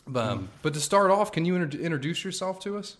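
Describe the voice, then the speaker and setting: A man hosting a casual podcast interview, loose and relaxed, leaning on lots of "you know"s, talking around a sore tooth. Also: a little high, fast talker. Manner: relaxed, filler-heavy talk with many "you know"s. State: sore mouth from a tooth coming in. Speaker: podcast host.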